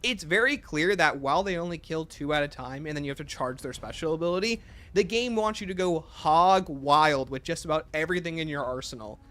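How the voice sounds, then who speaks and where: A man's voice: a little high, expressive, fairly quick, a bit bright. A man hosting a livestream, giving opinionated casual commentary and answering chat messages aloud. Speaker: livestream host.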